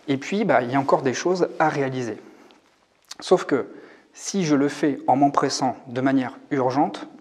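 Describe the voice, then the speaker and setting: A man's voice: medium pitch, moderate pace, a little mellow. Forties male coach, musing and hesitant delivery straight to camera. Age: 40s. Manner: reflective, thinking aloud with frequent hesitations. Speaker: YouTube coach on hypersensitivity. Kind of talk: casual talk to camera. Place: rented room.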